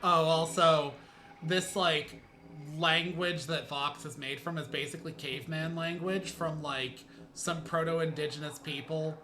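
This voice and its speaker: A man riffing over a game stream, his voice bright and a touch high. He talks in a loose, profane, sarcastic ramble, jumping from gripe to gripe. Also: steady tone, a little slow. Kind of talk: casual gameplay commentary.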